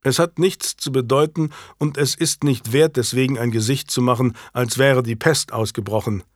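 A man playing a guarded, gruff medieval lord in an audiobook, speaking curtly and low. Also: fairly even intonation, moderate pace, no echo, clean studio sound, lightly acted. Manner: curt and gruff, low and muttering. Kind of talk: audiobook character reading.

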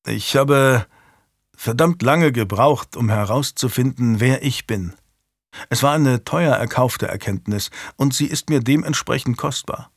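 A man voicing a proud, defiant male lord who speaks in a sardonic, measured way, in a dry studio recording. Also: medium pitch, no room sound.

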